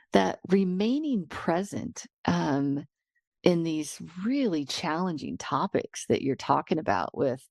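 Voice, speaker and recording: A woman podcast host with a low, gravelly voice that sounds slightly worn. She talks reflectively, searching for her words with pauses and fillers. The sound is close and dry. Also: a little mellow, no echo. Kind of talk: reflective interview conversation.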